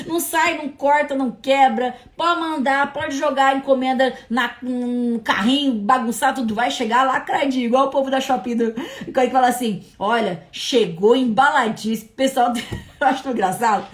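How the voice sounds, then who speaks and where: A woman from hosting a casual livestream Bible study, talking in an animated, chatty way. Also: high-pitched, moderate pace. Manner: animated, chatty, breaks into laughs. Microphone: livestream mic.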